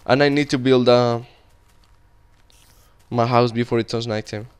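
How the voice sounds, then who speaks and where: Here a young Colombian, a native Spanish speaker, comments casually on his game as he plays, chatty and meandering with frequent restarts. He speaks unhurriedly in a steady, mid-range voice that is clear and resonant.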